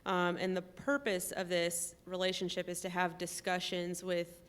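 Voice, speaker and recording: A woman in a conversational interview, explaining step by step in a measured way and pausing often with "um". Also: fairly low pitch, completely flat delivery, clean tone. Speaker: trip participant.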